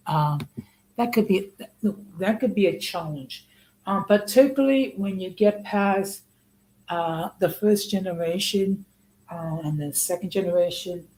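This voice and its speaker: A man's voice: high-pitched, unhurried, a little mellow, slight background noise, rough recording. A man in his sixties from the United States, hosting a casual live-stream talk in a conversational way and often checking in with "okay?". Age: 60s. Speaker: host.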